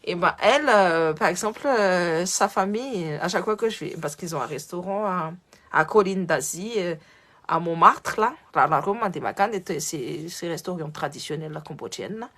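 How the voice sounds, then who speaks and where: A woman's voice: lowish voice, animated, normal speed, a bit bright. A woman talking casually on a live stream, switching between French and Malagasy, greeting viewers by name and often restarting her words. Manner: lots of restarts and repeated words. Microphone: phone on a social live stream.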